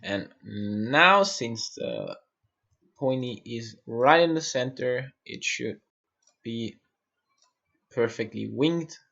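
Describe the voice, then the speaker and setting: Slow-talking man muttering as he works. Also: medium pitch, sing-song, vocal fry, bright, forceful tone, highs cut off. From Austria. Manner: mutters to himself while working, answers chat questions. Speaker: streamer building a stage in design software. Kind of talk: live-stream tutorial, chatting with viewers.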